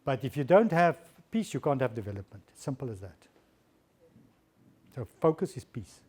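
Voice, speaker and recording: A man speaks as a diplomat fielding questions after a lecture. His tone is dark and mellow. He is thoughtful and halting, restarting phrases and repeating small words. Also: mid-range voice, big pitch swings, breathy edge. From South Africa. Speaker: diplomat giving a guest lecture. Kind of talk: lecture answering audience questions.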